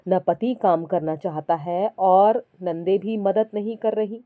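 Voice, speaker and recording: A woman telling a scripted story in a calm, even narrating voice. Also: medium pitch, slow, no room sound, phone-quality sound.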